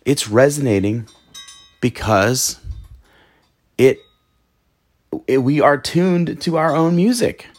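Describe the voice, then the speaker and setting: A man giving a casual online singing lesson at home, emphatic and excitable, often restarting his sentences. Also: mid-range voice, slow, pauses often. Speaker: voice teacher.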